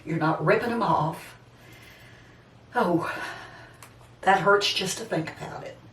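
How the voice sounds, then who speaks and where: Speaking slowly in a lowish, fairly bright voice, a woman of seventy-six rambles casually through a personal chat with her viewers, addressing them directly. The vlog sounds roomy and echoey from a distant mic, with a little hiss or hum.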